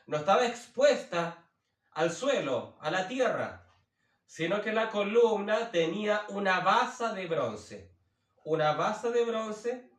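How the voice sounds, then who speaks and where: A man teaching the Bible as a preacher, slowly repeating and rephrasing himself with many fillers. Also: high-pitched, distant mic. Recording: roomy, from away from the mic.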